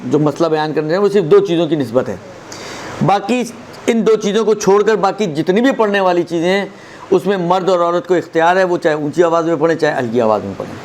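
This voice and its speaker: A man with a fairly high voice gives a religious lesson on prayer recitation. He explains patiently and recites example verses slowly, often checking that his listeners follow. Faint background noise and passing vehicles are heard behind him. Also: a little mellow. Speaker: religious teacher.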